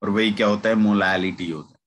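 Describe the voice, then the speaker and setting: A man's voice: fairly low pitch, steady tone, a little fast, a little hiss or hum. A man teaching a chemistry class online, patiently repeating key points and mixing English terms into his talk. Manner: mixes Hindi with English terms; addresses students familiarly as "yaar" and "bachche".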